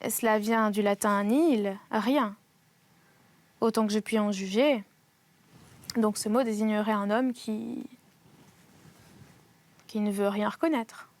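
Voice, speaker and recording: A woman reading the part of a mild, hesitant middle-aged gentleman in a storybook reading, reasoning aloud. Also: mid-range voice, steady tone, slow, pauses often. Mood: musing.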